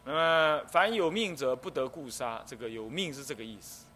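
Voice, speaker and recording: A man's voice: medium pitch, normal speed. A middle-aged man, a Buddhist abbot, lecturing on the precepts. He explains step by step and acts out the things people might say. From Taiwan. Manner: explanatory, lively, acts out quoted speech. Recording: faint background noise.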